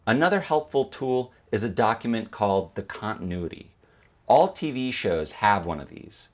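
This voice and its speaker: A man's voice: fairly low pitch, expressive, normal speed. A man narrating an instructional video as a teacher, explaining step by step and posing questions that he then answers. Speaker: film editing instructor.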